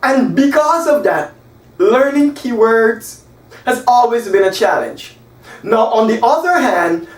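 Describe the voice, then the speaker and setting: Standing by a whiteboard in a small room, a man from Guyana in his forties teaches English with animated gestures, slowly and emphatically spelling out example sentences in a high-pitched voice. The camera is across the room, so the sound is echoey and distant.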